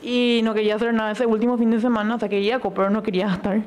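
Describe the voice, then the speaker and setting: A young woman, streaming and telling gossip in casual chat, animated and full of fillers. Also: fairly high pitch, racing. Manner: animated storytelling with frequent fillers. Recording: faint background noise.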